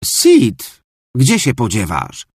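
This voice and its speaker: A tired, brisk mum from a children's storybook, as a man puts her on. She sighs and speaks with clipped impatience. The voice is husky and close. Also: medium pitch, wildly swooping pitch, darkish tone, no room sound, full character voice. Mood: impatient. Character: busy, weary mother driving kids.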